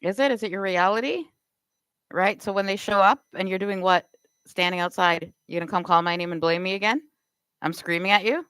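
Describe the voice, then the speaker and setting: A woman's voice: medium pitch, brisk, fairly bright tone, clear, resonant tone, no room sound, low-quality recording. A Canadian woman live streaming, firing off accusatory rhetorical questions in a confrontational rant.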